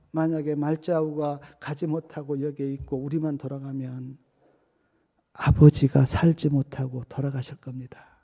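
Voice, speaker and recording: A man's voice: fairly high pitch, dark tone. A male preacher voicing an elder brother who earnestly pleads for mercy.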